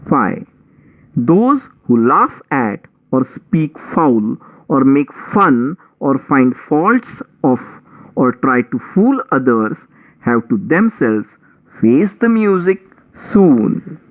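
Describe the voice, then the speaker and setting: Male storyteller, higher-pitched voice, slow deliberate delivery, theatrical scripted narration, dull muffled recording. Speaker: audiobook storyteller.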